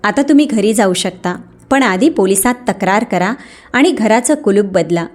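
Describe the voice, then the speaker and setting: Figure: a gentle, few-worded helper man in an audio story, read by a woman, firm and kind. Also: medium pitch, expressive, normal speed, lightly acted. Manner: brief, firm, kindly. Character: kind, quiet man who helps a stranger.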